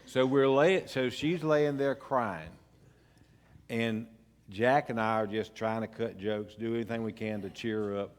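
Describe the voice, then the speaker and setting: An older man, a pastor telling a family story in a folksy, unhurried way with pauses and restarts. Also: fairly low pitch. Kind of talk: storytelling sermon. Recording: long church hall reverb.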